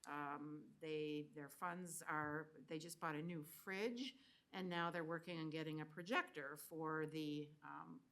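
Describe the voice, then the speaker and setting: A woman's voice: deep voice, steady tone, unhurried, fairly bright tone. A woman board member giving an informal liaison report in a hesitant way, with many filler words. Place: school board meeting room.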